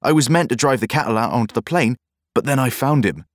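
A man voicing an excited, frightened young farm boy in an audiobook, eager and breathless. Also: normal speed, no room sound, clean studio sound, lightly acted. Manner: breathless, eager, high-pitched. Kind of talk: audiobook character voice.

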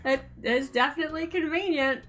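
High-voiced woman making wry game quips. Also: brisk, a bit bright. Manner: wry, laughing asides. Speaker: let's play co-host. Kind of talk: casual game commentary.

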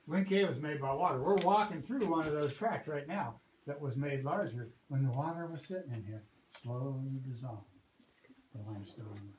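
Speaking at a moderate pace with a medium-pitched voice, a male park ranger gives a patient, explanatory cave tour, first in the visitor center lobby and then underground. He often checks in with his group, and loud ambient noise echoes through the cave.

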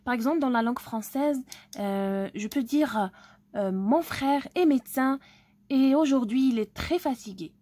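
Woman, from Algeria, online language lesson, step-by-step explaining, slow, dry close sound. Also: sits high, mellow, dry recording. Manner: slow, explaining step by step, often checking understanding. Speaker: language teacher.

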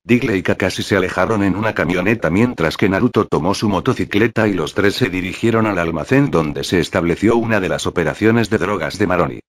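A man narrating an audio fanfic in a steady, flat, synthetic-sounding reading. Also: low-pitched, a little fast, hardly any pauses.

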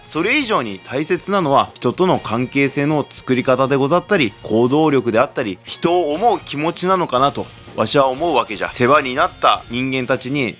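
A man's voice: medium pitch, fairly bright tone. A man explaining history as a channel host in the persona of a samurai warlord, with archaic wording and emphatic, theatrical delivery.

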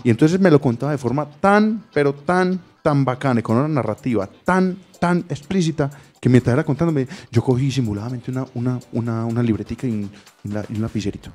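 A man's voice: medium pitch, fast. A man, a singer-songwriter guest, telling a story in a casual radio interview with easy laughter. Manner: lively storyteller, laughs easily.

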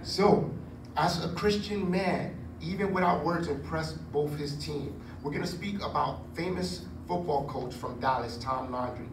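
A man in his forties preaching a sermon on a church stage into a handheld mic, chatty and animated with joking asides. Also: fairly high pitch, measured pace, far from the mic. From Puerto Rico heritage. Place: church stage with curtain backdrop. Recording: echoey room, recorded from afar, noisy.

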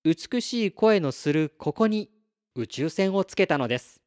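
A man voicing a polite, clever boy from a star in a storybook read-aloud, speaking formally and calmly. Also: high-pitched, a little slow, voice pushed up. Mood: earnest. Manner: formal, courteous, calm.

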